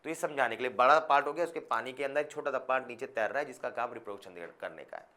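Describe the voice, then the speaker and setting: A man delivers a biology lesson to his students in an easy, explanatory way. He keeps checking whether they are following and slips English scientific terms into his talk. His voice sits at an ordinary middle pitch. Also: fast talker, sharp tone. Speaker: biology teacher. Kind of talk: classroom lecture.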